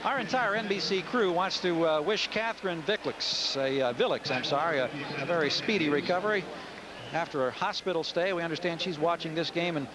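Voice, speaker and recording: A man's voice: a little high, brisk. An American man doing live play-by-play commentary as a football announcer on an old television broadcast. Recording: noisy 1980s TV broadcast, loud crowd. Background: stadium crowd.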